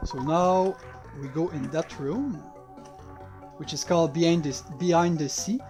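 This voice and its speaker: A native French speaker with a French accent offers casual playthrough commentary as a game developer, hesitating and halting in his non-native English. His voice sits on the high side, with music playing underneath.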